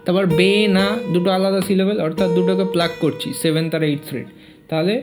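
A man's voice: high-pitched, fairly even intonation, fast talker. A man teaching a fingerstyle guitar lesson, counting beats, naming notes and singing bits of the tune. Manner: counts beats and names notes, sings snatches of the melody. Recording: loud guitar playing along.

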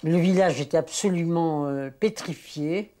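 Older woman with a low voice, telling old stories, lots of euh and restarts. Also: a little slow. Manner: lively storytelling with many hesitations. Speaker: interviewee recalling war reporting. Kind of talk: spoken reminiscence.

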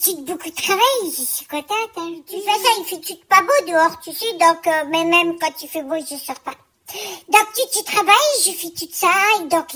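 Squeaky fussy Germaine. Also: female voice, a bit bright, exaggerated voice. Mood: excited. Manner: sticks "tout" into every phrase, fussy and chatty. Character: squeaky chatty grumbling woman character. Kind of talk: comic character vlog monologue.

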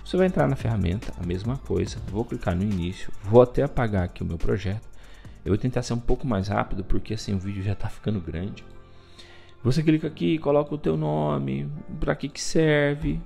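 Male tutorial host, gravelly, talks step by step, average pitch. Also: a little fast, dark tone, soft background music. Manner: explains step by step, pointing things out with "ó". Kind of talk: screen-recorded software tutorial.

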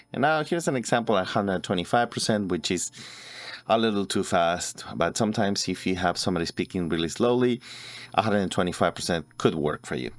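Seated at a computer indoors, a man in his forties walks viewers through a video editing tutorial in an instructional, step-by-step way. His voice is deep, with no room sound, and music plays behind him.

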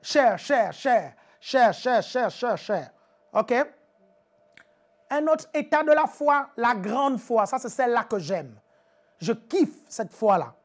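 A woman preacher giving a live-streamed teaching sermon, chatty and animated, laughing often and repeating calls to her viewers. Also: fairly high pitch, takes it slowly, long pauses.

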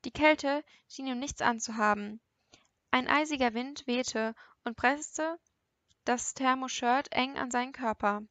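A woman narrating an audiobook in the first person, with an expressive, lively storytelling manner. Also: high voice, measured pace, no echo.

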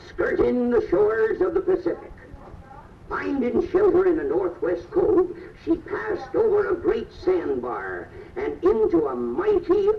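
A man's voice: extremely high pitch, gravelly, a little hiss or hum. A man giving scripted historical narration as the ride narrator, in a stately storybook delivery, played back over a PA. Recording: distant roomy lo-fi PA playback.

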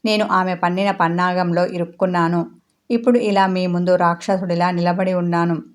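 A woman's voice: lowish voice, level tone, moderate pace, natural voice. A woman voicing an angry, egotistic young husband who rants resentfully at his friend in a storybook reading. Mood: bitter ranting. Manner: resentful, accusing rant.

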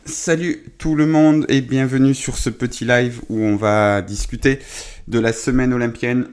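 A man's voice: mid-range voice, steady tone, measured pace, darkish tone, clean tone. A tired man casually debriefing a football match on his live stream, chatty and full of hesitations and restarts.

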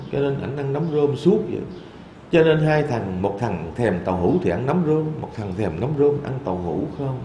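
A man, a Buddhist monk, giving a dharma talk in a temple hall with lively storytelling. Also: fairly high pitch, slight background noise. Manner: lively storytelling, quoting voices in asides.

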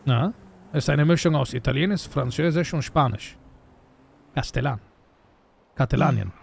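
A man's voice: medium pitch, moderate pace, creaky, slightly rough. A young man playing a joking roleplay character in a video game, tossing Spanish words into his talk.

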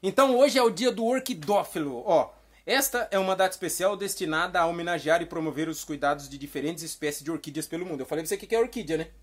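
A woman hosting a playful comedy vlog, rambling and teasing, with sudden mock shouts. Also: on the low side, fast. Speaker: vlog host.

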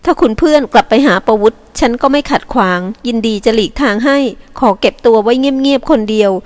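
A woman voicing a despairing young woman who pleads in a soft, sad, halting way, as an audiobook reading. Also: on the high side, natural voice. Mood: sorrowful.

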